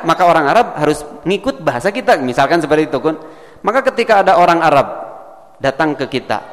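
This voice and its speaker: A man's voice: high-pitched, in a large hall. A man with a Sundanese accent preaching a mosque lecture, teaching in a chatty, explanatory way and addressing the congregation directly. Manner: didactic, chatty, addresses the congregation as Pak and Bu, demonstrates pronunciation.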